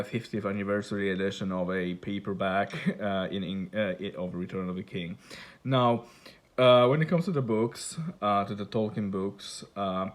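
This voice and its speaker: A man whose first language is Polish, a book collector vlogger, does a casual show-and-tell in a slow, hesitant way. His voice sits on the low side with a clean tone, and he fills his speech with fillers and restarts.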